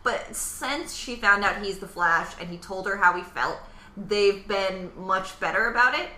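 A woman co-hosting a podcast in casual chat, thoughtful and pausing with frequent ums. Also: mid-range voice, sharp tone. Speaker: podcast co-host. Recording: roomy echo.

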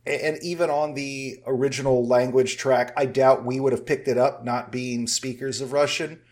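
A man's voice: medium pitch, fairly even intonation, darkish tone. Man hosting a film review chat. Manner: talkative, measured, with frequent "uh" fillers. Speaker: film review podcast host.

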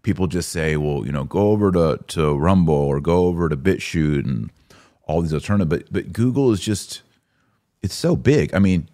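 With a low, expressive, mellow voice, this live-stream podcast host talks casually, stumbling through phrases, repeating himself and tossing out rhetorical questions.

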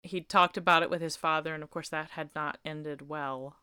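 Bright, crisp young woman, casual recap co-host, animated delivery, dry close sound. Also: sits low, normal speed, no room sound. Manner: animated, shouts quoted lines, self-deprecating jokes.

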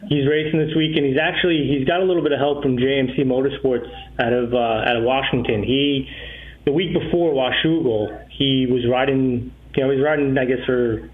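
A man's voice: medium pitch, steady tone, a little fast. Guy calling into a radio show over the phone, tinny line, easygoing and rambly. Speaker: caller to a radio talk show. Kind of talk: casual call-in chat.

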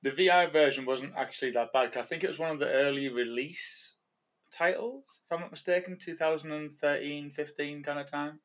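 A man's voice: on the high side, steady tone, brisk, fairly bright tone. A tired man co-hosting a casual gaming podcast, making dry, wry asides. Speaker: podcast co-host.

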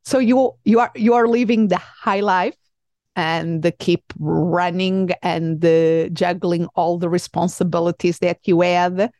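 A woman's voice: on the low side, fairly even intonation, a little slow, darkish tone, no room sound, clean studio sound. A woman from Portugal with a Portuguese accent, hosting an interview in a hesitant way with many fillers and restarts. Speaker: podcast host. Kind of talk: conversational interview.

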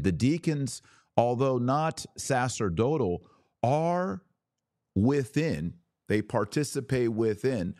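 A man with a fairly low, darkish voice hosts an opinionated religious podcast, recorded dry with studio quality. As a religious commentator, he delivers an emphatic, preachy monologue straight to his audience, full of rhetorical questions and asides.

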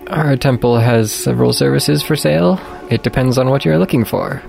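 A man's voice: medium pitch, moderate pace, creaky, darkish tone, soft background music. A man voicing a polite dwarf temple priest in a tabletop game, with courteous, formal speech. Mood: courteous, helpful.

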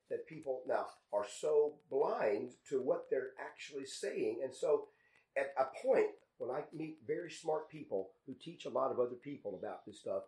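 A man's voice: medium pitch, mellow, reverberant, low-quality recording. A man hosting a radio talk show on scripture, arguing emphatically and repeating key phrases for stress.

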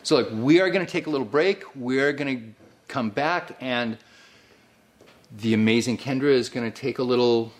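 A man's voice: mid-range voice, normal speed. A man hosting a casual adult talk show, asking frank questions and coaching his guest. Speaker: podcast host. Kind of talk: casual chat.

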